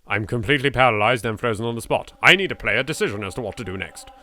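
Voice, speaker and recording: This video game let's player from England talks fast in a medium-pitched, expressive voice with a sharp tone. Speaking with an English accent, he reads the on-screen text dramatically and throws in jittery, sardonic, sweary comments.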